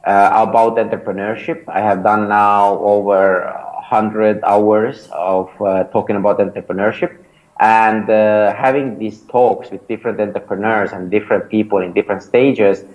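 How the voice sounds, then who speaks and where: Here a man in his thirties with an Estonian accent, Estonian being his first language, speaks as an interview guest; he founds and mentors startups. His voice is on the low side and a bit mellow, steady in tone and at normal speed. He answers casually and hesitantly with many fillers and restarts, on a low-quality recording.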